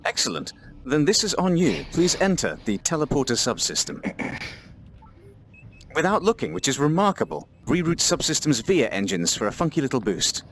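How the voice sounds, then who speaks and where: A man hamming it up as a starship captain, his pitch swinging widely as he gives orders to his crew. His delivery is pompous and theatrical, and he plays it for laughs. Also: big pitch swings, normal speed, a bit bright. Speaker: player voicing a starship captain. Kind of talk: comedic in-character gameplay.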